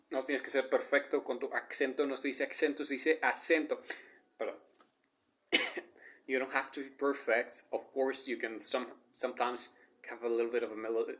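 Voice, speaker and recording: A man with a medium-pitched, slightly bright voice gives a casual video lesson as a language teacher. A native Spanish speaker, he's playful and rambling, laughing at his own jokes.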